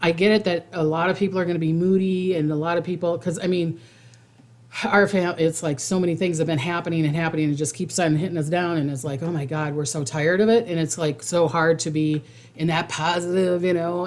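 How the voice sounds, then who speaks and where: Casual, rambling woman with lowish voice. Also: a little mellow. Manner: informal, rambling, repeats phrases for emphasis. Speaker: psychic host giving monthly predictions. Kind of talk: casual livestream talk to viewers.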